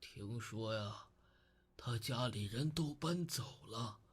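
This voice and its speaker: A slow, kindly old neighbor. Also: male voice, medium pitch, husky. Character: friendly old male neighbor, the Uncle.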